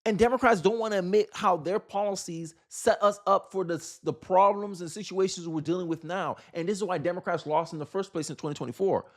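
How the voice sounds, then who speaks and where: An American man gives casual, opinionated political commentary a little fast and with few pauses, his voice sitting high. He fires off rhetorical questions in an exasperated, emphatic way.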